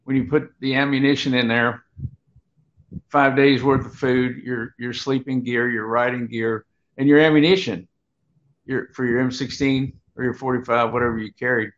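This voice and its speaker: A man's voice: mid-range voice, fairly even intonation. Older man rambling through a grandpa story. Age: 70s. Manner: halting, unhurried, digressive. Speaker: guest, Vietnam veteran. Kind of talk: rambling grandpa-style storytelling, personal war reminiscence. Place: home room, on a video call. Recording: dull, lo-fi video call audio.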